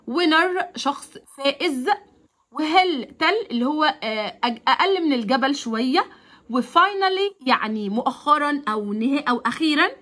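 A woman with an Egyptian Arabic accent teaching a vocabulary lesson to children. She stretches English words out slowly, repeats them for pupils to follow, then explains quickly. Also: high-pitched, bright, forceful tone. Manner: slow, drawn-out English words, fast chatty explanations.

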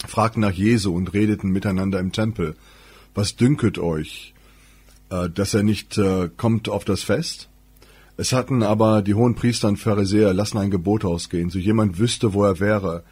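A man reading scripture aloud as an audiobook narrator, measured and solemn, with occasional slips and restarts. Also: fairly low pitch, darkish tone, breathy edge. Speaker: audiobook reader.

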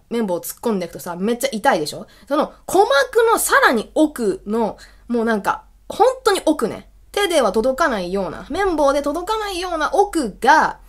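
A woman hosting a casual solo radio talk, telling stories in an animated way and laughing often. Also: fairly high pitch. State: recovering from illness. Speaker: podcast host.

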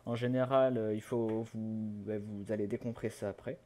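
A man's voice: fairly low pitch, level tone, normal speed, warm tone. A young man giving a casual screen-recorded tutorial at his computer, hesitant and stumbling over his words, with many fillers. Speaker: tutorial host.

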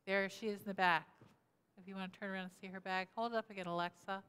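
With a quick pace and fairly even intonation, a woman in her sixties preaches an interactive sermon from a lectern inside a church sanctuary. Her mid-range voice is fairly bright, clear and resonant, and she repeats the congregation's answers to her questions. The recording uses a lectern mic and a mid-distance camera, and the church hall echoes.

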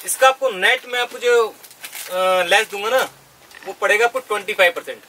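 A man, a shop owner sitting in his cosmetics store and rattling off prices in a sales pitch. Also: a little fast, bright, forceful tone, far from the mic, slight background noise. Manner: salesman listing prices, counting items off. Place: crowded cosmetics shop indoors, seated cross-legged on floor.

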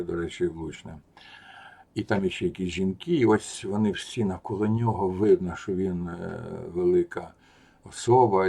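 A man with a low, gravelly voice tells a personal story in casual spoken style. His tone carries a husky edge, and he grows animated and scornful as the tale builds, pushing louder at the punchlines. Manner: animated and mocking, rising loud at the punchlines. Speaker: storyteller recounting a personal anecdote.

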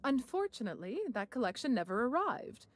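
A woman's voice: fairly high pitch, very animated, fairly quick. An actress voicing a sly, discreet woman who runs a secret venue in a game, talking in a coy, conspiratorial, dryly smug way. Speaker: game character, gallery receptionist.

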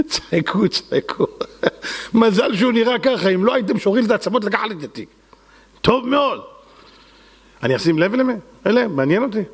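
A man's voice: sits high, lively intonation, long pauses, breathy edge, in a large hall. A man preaching a sermon as a rabbi, fervent and dramatic, acting out the voices he quotes.

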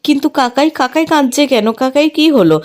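A guilty younger brother begs to be heard, read by a woman in her own high voice. The pleading stays gentle and plainly read. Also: fairly quick, lightly acted. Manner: pleading, remorseful.

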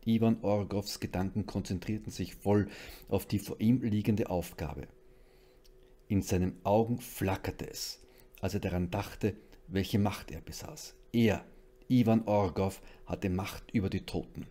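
A man reading a horror audiobook aloud in a measured, suspenseful narration. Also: on the low side, steady tone, warm tone. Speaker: audiobook reader.

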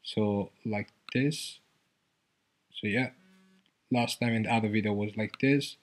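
A man's voice: lowish voice, fairly even intonation, slow. Man casually walking through his code. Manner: loose, hesitant, many fillers and restarts. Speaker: coding tutorial host. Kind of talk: casual screen-recorded coding walkthrough.

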